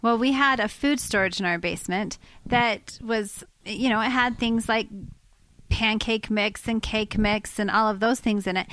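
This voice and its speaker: A woman in her forties, co-hosting a casual home podcast and telling a story with lively, acted-out quotes. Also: mid-range voice, clear, resonant tone, dry recording. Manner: animated storyteller, acts out quoted voices. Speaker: podcast co-host. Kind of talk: casual chat.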